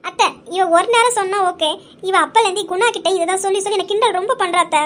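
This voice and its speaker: Brief: a meek, selfless young daughter-in-law, voiced by a woman, very high. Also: quick pace, a bit bright. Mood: polite. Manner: polite, eager, selfless.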